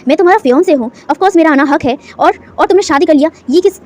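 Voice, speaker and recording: A woman plays a shrill, possessive young fiancée who stammers and repeats herself as she shrieks, pitched up high. The lines are rushed and loud, told as part of a spoken fan-fiction story. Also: close to an everyday voice. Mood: shrieking, jealous. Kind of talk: storytelling with acted dialogue.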